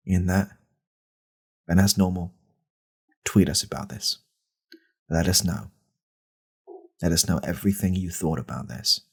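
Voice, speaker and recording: In a comedy parody, a man plays a creepy, self-serious right-wing podcast host, delivering deadpan, halting lines in a gravelly, husky voice. He sits low and commits to a full character voice.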